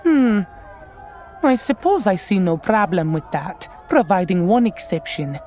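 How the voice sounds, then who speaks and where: A teasing lizard-folk rogue with courteous, formal phrasing and a mischievous streak. Her tone is mellow and dark-edged. She sounds like an audio drama character. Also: medium pitch, sing-song, measured pace, soft background music. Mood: bargaining. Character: sly, teasing female reptilian rogue.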